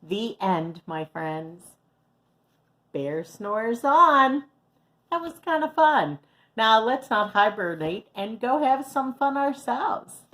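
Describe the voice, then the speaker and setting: A woman reading a children's picture book aloud as storyteller, with slow, very expressive delivery. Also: fairly high pitch.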